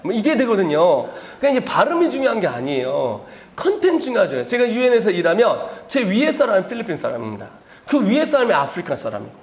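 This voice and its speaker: Animated man lecturing in an echoey hall. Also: sits high, fast. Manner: animated, chatty, laughs at his own jokes. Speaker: missionary speaker at a teachers' seminar. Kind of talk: lively seminar lecture. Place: indoor seminar room.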